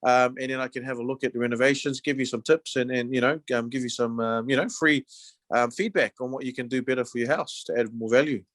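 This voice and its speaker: Talking quickly in a mid-range voice, a New Zealand-accented man works as a real estate agent, making casual, friendly sales conversation padded with little filler words. The sound is dry, with almost no room around it.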